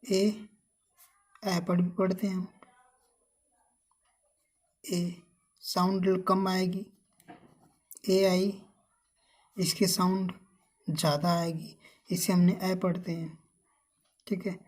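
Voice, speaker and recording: Woman, English reading teacher, very slow pace, dark mellow voice, repeats and drills words. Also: lowish voice, flat delivery. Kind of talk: slow phonics lesson.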